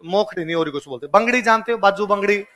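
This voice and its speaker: A male coaching teacher with a Rajasthani accent drills his class with rapid call-and-response lists, firing questions and repeating answers. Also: sits high, a bit bright. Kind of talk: exam coaching lecture.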